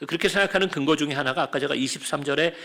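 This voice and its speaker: A man preaching a sermon as pastor, talking in a conversational way, asking his listeners questions and dropping at times to quiet, near-whispered lines. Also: on the high side, rapid-fire.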